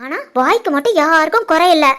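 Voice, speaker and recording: A woman voicing a defiant, sharp-tongued young wife arguing with her mother-in-law in an animated family story, with a Tirunelveli Tamil accent. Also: extremely high pitch, fairly quick. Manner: defiant, argumentative.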